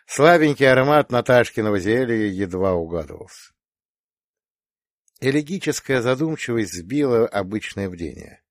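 Male audiobook narrator, low voice with animated range, expressive first-person storytelling. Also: dry recording, clean studio sound. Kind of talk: scripted narration.

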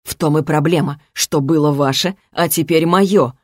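A woman voicing a powerful male mage and father who speaks in a sarcastic, measured, emphatic way. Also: sits low, dry recording, clean studio sound. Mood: stern.

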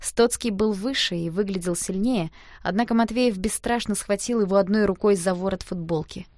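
A woman's voice: mid-range voice, moderate pace, no echo, clean studio sound. Woman narrating a first-person audiobook. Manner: lively, expressive reading.

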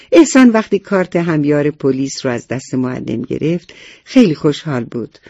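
A man's voice: a little high, mellow, no echo, highs cut off. A man narrating a children's story, explaining things and addressing the young listeners directly.

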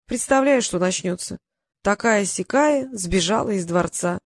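A woman's voice: medium pitch, expressive, unhurried, no room sound. Woman doing a rueful runaway princess girl, sighing, dry close sound. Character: runaway young princess, worried.

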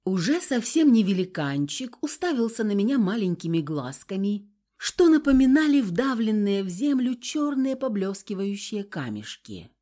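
A woman reading a first-person audiobook narration in an expressive, dramatic way. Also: mid-range voice, normal speed.

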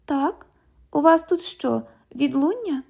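This woman's audiobook character is a cheeky twenty-year-old bank teller who mocks and echoes whoever she's talking to, full of sarcasm. She performs it in full character voice: high-pitched, animated, slow and creaky, with a darkish tone.

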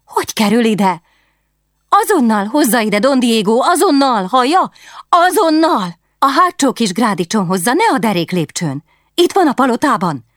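A woman voicing a headstrong, excitable young noblewoman who gives eager, commanding orders. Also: no room sound, studio quality. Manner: eager, commanding, high-strung.

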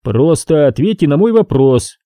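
A man doing a flat, cold police interrogator. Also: fairly high pitch, moderate pace, no echo, studio quality, voice pushed up. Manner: even, expressionless tone. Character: tall, flat-voiced male police interrogator.

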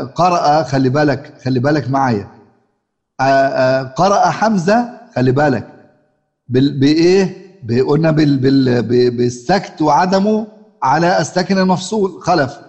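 Egyptian guy teaching quran reading, keeps asking students, slightly high voice, big echo. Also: darkish tone. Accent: Egyptian Arabic. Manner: asks students questions, repeats himself. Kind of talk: colloquial Egyptian Arabic lesson. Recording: long hall reverb.

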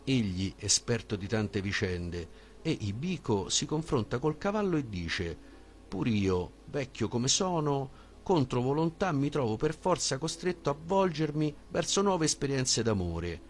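A man voicing an old male philosopher who reasons in a measured, reflective way. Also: mid-range voice, very animated, slight background noise, voice pushed up. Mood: reluctant.

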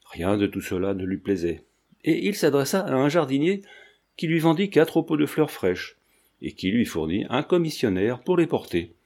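Expressive male audiobook narrator. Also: mid-range voice, normal speed. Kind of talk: scripted narration of a novel.

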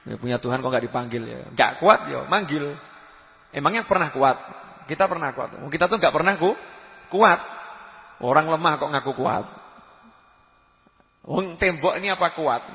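A man giving a religious lecture, lively and emphatic, dropping to soft asides. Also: fairly high pitch, gravelly. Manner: lively preaching, rising to emphatic calls, drops to soft asides. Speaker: preacher. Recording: lo-fi reverberant hall recording.

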